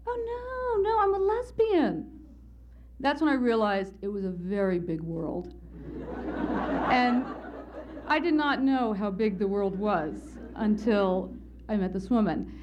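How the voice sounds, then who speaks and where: A woman's voice: mid-range voice, lively intonation, measured pace, darkish tone. Woman, conference speaker, candid wry anecdote, muffled lo-fi recording. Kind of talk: personal anecdote in a lecture. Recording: slightly muffled lo-fi lecture recording.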